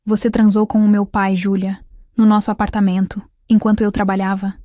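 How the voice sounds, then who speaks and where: Woman voicing an anguished, shouting young husband. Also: medium pitch, level tone, brisk, no echo, clean studio sound, close to an everyday voice. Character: young adult man, betrayed son, anguished and shouting.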